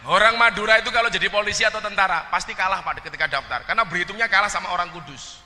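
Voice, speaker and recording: A man's voice: sits high, rapid-fire, sharp tone. A man with a Javanese accent preaching a joking sermon to a gathered audience, teasing them about regional dialects and throwing questions at the crowd. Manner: addresses the crowd directly with questions. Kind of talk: humorous religious sermon. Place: religious gathering before an audience. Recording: long hall reverb, faint background noise.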